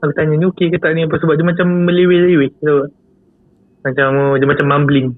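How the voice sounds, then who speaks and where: A man's voice: on the high side, steady tone, quick pace, dry recording. Seorang lelaki berloghat Malaysia yang bercerita santai tentang pengalaman seram, banyak mengulang kata dan sering tergelak kecil. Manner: chatty, repeats phrases, chuckles often. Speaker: guest storyteller. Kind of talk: casual storytelling about a scary experience. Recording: tinny phone-like sound.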